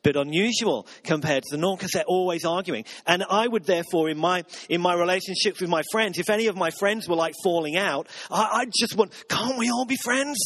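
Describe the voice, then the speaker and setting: A man's voice: high voice, a little fast, few pauses, fairly bright tone. A man, a pastor, giving a conversational sermon with earnest, self-mocking humor.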